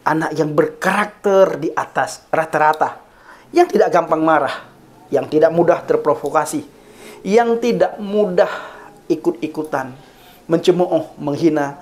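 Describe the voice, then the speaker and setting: Earnest man preaching in listing cadence. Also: fairly high pitch. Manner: addresses listeners as Bapak Ibu. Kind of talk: sermon.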